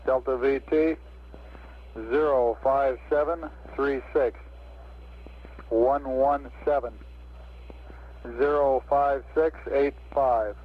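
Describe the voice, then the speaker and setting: A man's voice: medium pitch, fairly even intonation, slow pace, pauses often. A man working as a mission control communicator, speaking in procedural calls over crackly military-style radio. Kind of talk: procedural radio talk, reading out figures. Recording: dull radio link with static.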